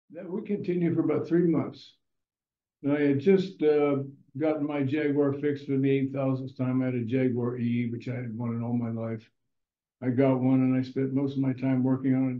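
An older man telling casual, rambling stories in a blunt, profane way. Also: mid-range voice. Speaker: storyteller. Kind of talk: casual storytelling monologue. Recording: echoey room, slightly dull sound, faint music.

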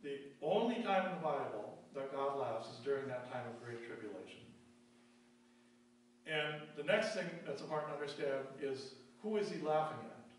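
A pastor preaching from the pulpit, his voice ringing through a very echoey church and picked up from some distance. He poses questions and answers them in a falling, quieter tone, and slows down to read verses aloud. A faint hum runs underneath. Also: mid-range voice, animated. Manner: emphatic preaching, rhetorical questions answered with slow drops in volume; reads verses aloud in a slowed, deliberate cadence. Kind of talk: sermon. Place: church sanctuary.

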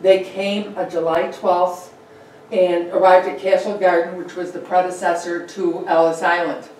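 A woman with a fairly low, darkish voice and little pitch movement speaks at a measured pace in a casual local history talk with slides, fillers and asides. She is recorded from a distance by a room mic in a projector-lit meeting room, very echoey with a little hiss or hum.

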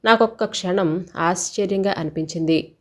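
A woman reading a scripted first-person story in a steady, even storytelling delivery. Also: fairly low pitch, normal speed.

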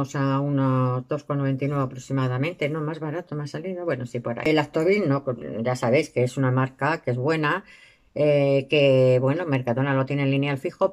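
A woman's voice: low voice, darkish tone. A woman in a casual product review vlog, chatty and full of fillers, talking to her viewers as girls. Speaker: beauty and shopping vlogger.

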